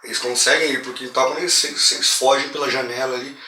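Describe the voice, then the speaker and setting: A man with a Brazilian accent recaps a horror movie in a loose, slangy way, his voice bright and forceful. He sounds a little away from the mic in an echoey room with a faint hiss behind him. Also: mid-range voice, fast talker, far from the mic. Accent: Brazilian Portuguese. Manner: slangy, animated retelling that acts out quoted lines. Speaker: horror film reviewer. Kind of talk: casual film recap. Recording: roomy echo, voice a bit off-mic, faint hiss.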